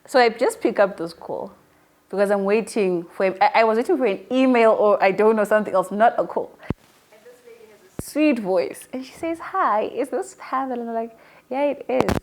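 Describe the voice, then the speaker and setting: A newly appointed online show presenter in her early twenties chats casually as an interview guest, recounting personal stories. Her fairly high voice moves at a moderate pace, with slight background noise.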